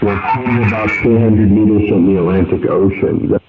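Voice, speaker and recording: A man's voice: lowish voice, fairly even intonation, brisk, narrow, tinny audio, over music. A man talking as a ham radio operator, heard over a ham radio link, chatty as he reports signals and his station gear.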